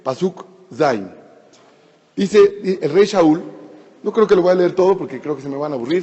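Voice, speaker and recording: A man's voice: fairly high pitch, mellow. A man teaching a Torah class, explaining and retelling a scripture story in a conversational way with frequent restarts. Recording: lo-fi with long hall reverb.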